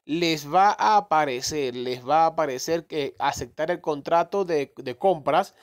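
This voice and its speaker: This crypto gaming YouTuber has a fairly high, slightly slow voice. Narrating a phone screen recording in a casual way, he explains a crypto game, wandering off track, fixing his own mistakes, and dropping the odd mild swear word.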